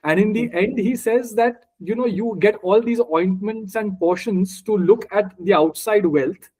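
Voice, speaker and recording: This man's voice is high-pitched, slightly slow, a little mellow, and slightly rough, captured in a rough recording. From India and a native Marathi speaker with an Indian accent, he guides a scripture study group informally, breaking down each word and answering questions.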